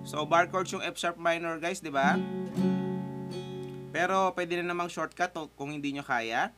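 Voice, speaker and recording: A man talks through a casual guitar lesson, his voice sitting a little high for a man. He chats easily, checks in with his viewers, and counts out the strums. His own guitar rings out loud behind him. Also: measured pace. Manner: chatty, repeats "guys" and "okay", counts strums aloud. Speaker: guitar teacher. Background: his own guitar playing.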